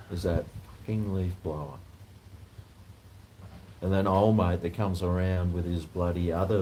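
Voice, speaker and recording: A man with a broad Kiwi accent and a lowish voice chats away like a casual vlogger. He rambles in a laid-back, slangy manner with some swearing, and there is clear noise behind him. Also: darkish tone, low-quality recording. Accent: broad New Zealand. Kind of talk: casual rambling chat to camera. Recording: noticeable background noise.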